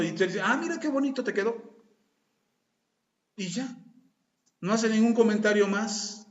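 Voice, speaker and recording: High-voiced Mexican pastor preaching. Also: male voice. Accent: Mexican Spanish. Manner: conversational preaching, acts out dialogues. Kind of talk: sermon. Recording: echoey room, dull lo-fi sound.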